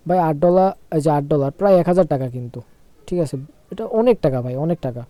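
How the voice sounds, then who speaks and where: A young man, unwell and speaking slowly, giving a casual screen-share trading tutorial and often checking "okay?". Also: a little high, expressive, warm tone, no room sound. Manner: slow, repeats phrases, asks "okay?" often.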